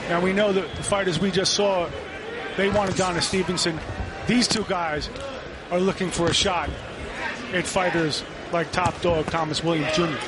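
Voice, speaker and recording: A man's voice: high-pitched, steady tone, moderate pace. A man giving conversational boxing commentary on a live broadcast. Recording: very noisy live venue.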